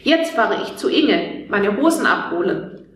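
A woman's voice: medium pitch, sing-song, unhurried. A woman voicing a homely mother chatting with her children, with a roomy echo on the recording. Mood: chatty. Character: mother of two, homely and warm-hearted. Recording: echoey room.

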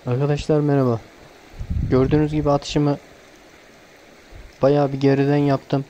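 A man narrating his fishing trip outdoors on a stream bank in a calm, casual way, giving tips to viewers while filming first-person. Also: on the high side, moderate pace, lo-fi sound, a little hiss or hum. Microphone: handheld camera filming first-person.

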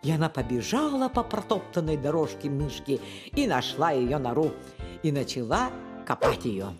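A woman narrating a folk tale for an animated short in a slow, expressive storytelling manner. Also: low voice. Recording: long reverb with soft music behind.

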